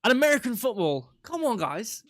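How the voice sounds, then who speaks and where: A man's voice: extremely high pitch, big pitch swings, a little fast, a bit bright, dry recording, studio quality. A man hosting a quiz on a live stream, chatty and rambling, with mock-indignant rants. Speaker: quiz host.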